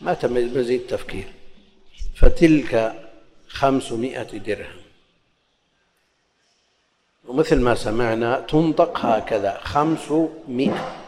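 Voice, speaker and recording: A man's voice: medium pitch, measured pace, long pauses, darkish tone. Man teaching in a reverberant hall. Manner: explanatory, shifts between classical recitation and colloquial dialect. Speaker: Islamic scholar teaching hadith. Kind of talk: religious lesson, explaining hadith.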